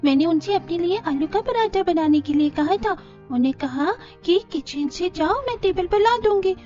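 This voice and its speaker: A man voicing a curious, chatty little girl in an animated story, high and piping. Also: moderate pace. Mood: puzzled. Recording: dull lo-fi with music.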